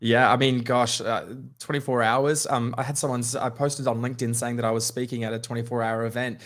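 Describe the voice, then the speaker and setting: An Australian man speaks over a video call in an easygoing storytelling voice, at a middle pitch. He talks to his audience directly and conversationally, drifting through personal anecdotes. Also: flat delivery, a little fast. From Queensland, Australia. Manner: conversational, anecdotal, with light laughs. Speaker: keynote speaker. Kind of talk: storytelling talk.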